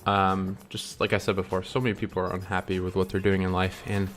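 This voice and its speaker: A man's voice: sits low, little pitch movement, quick pace, fairly bright tone, faint music behind. A young man talking to camera in a casual, rambling way, full of ums and restarts, earnest about following his dreams. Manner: chewing candy while talking. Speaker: vlogger. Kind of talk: casual reflective monologue.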